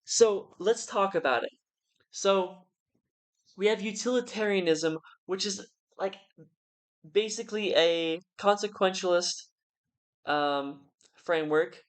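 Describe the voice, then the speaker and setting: Someone drunk, rambling casually through an argument in halting phrases that trail off. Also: medium pitch. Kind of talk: casual rambling philosophical monologue.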